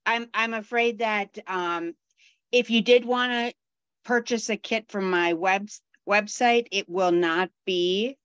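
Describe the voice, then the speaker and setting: A woman calls into a video meeting on her phone, and her voice comes through dull and muffled. She talks slowly and hesitantly, with many ums and restarts. Her tone stays smooth and clear despite the thin line. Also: medium pitch, a bit bright, dry recording. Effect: speaking over a phone into a video call. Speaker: beading class instructor. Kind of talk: casual group meeting chat.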